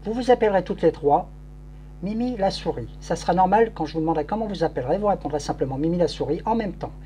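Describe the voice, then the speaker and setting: A man's voice: sits high, animated, fast, dark tone. Guy doing live hypnosis, keeps repeating commands and shushing, bit of hum and noise behind. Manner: repetitive, commanding suggestions with shushing. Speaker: stage hypnotist. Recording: noisy live recording with hum.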